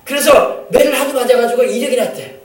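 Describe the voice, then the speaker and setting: Speaking quickly in a bright, high voice, a male pastor preaches a sermon in a church sanctuary, stressing key points, addressing the congregation directly and dramatizing family scenes. The audio is echoey, picked up by a microphone set well back in the hall.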